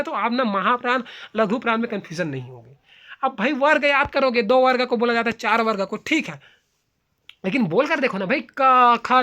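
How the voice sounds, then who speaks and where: A woman teaching a grammar lesson, sounding out syllables one by one and often asking herself rhetorical questions before she answers them. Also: a little high. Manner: ends points with a checking "okay". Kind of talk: spoken classroom lecture.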